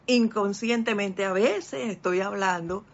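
An older teacher giving a spiritual lesson, speaking deliberately and reading a text aloud with commentary. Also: medium pitch, creaky. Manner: slow, deliberate, stretches key words. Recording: dull lo-fi recording.

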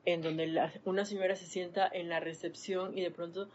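A woman's voice: lowish voice, flat delivery, moderate pace, darkish tone. A woman giving a spiritual talk on a live stream, animatedly acting out everyday scenes as she teaches. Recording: dull lo-fi sound, faint background noise.

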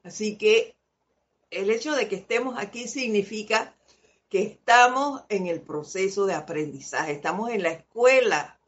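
A woman leads a spiritual talk at a slow, unhurried pace, mixing lessons with personal stories. She laughs often as she speaks. The audio is muffled and lo-fi. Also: mid-range voice. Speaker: spiritual teacher hosting a live stream. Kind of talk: informal spiritual talk with anecdotes.

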